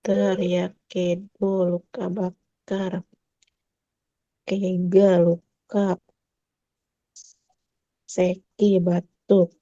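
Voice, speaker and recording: A woman reads vocabulary aloud very slowly, with a dark, mellow voice. Her reading is careful and word by word, with little rise and fall. The sound is dull and dry, like lo-fi online call audio. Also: on the low side, flat delivery, dry recording. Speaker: student.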